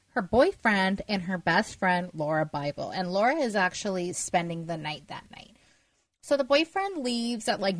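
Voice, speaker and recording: A woman's voice: mid-range voice, no room sound. Woman, podcast host, chatty storyteller, casual fillers, dry room, slightly distant. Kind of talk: casual podcast chat and case recap.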